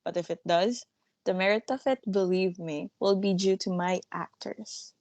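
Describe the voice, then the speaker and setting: A woman in a dramatic play reading, playing a self-assured theatre manager with a brisk, scornful, commanding manner. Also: mid-range voice, steady tone, a little mellow, no echo, close to an everyday voice. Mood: dismissive, commanding.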